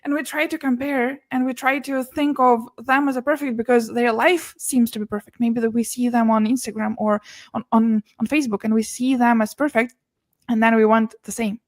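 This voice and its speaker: This is a brisk, earnest podcast guest, a business and mindset mentor who grew up in Russia and uses English as her second language. Her young, slightly high voice keeps restarting words, with soft laughs in between, as the relaxed interview goes on. The recording is dry and close-miked, with no sense of room.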